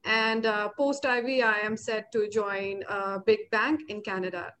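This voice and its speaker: A woman's voice: medium pitch, steady tone, a little slow, a bit bright. A woman from India introducing herself as an alumna on a webinar panel, speaking plainly with hesitant fillers.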